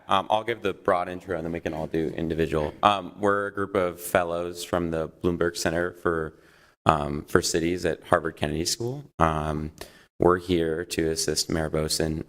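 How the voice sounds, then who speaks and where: A young policy fellow from Iowa introduces himself in a deep, gravelly voice. He sounds friendly and a little hesitant, with frequent ums. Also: flat delivery, normal speed. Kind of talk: self-introduction.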